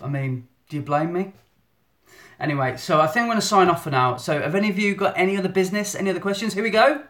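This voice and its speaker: A photographer chats through a live Q&A stream, filming himself on his phone in selfie mode. His voice is a little high and fairly bright, and he's chatty, self-mocking and prone to restarting his thoughts.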